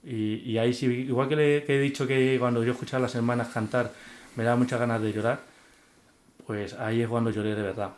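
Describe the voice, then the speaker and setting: A man's voice: mid-range voice, flat delivery, fairly quick, a little mellow, a little hiss or hum. Earnest man telling his faith story. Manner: earnest and heartfelt, with many restarts and repeated words. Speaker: guest giving a faith testimony. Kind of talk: emotional personal testimony in an interview.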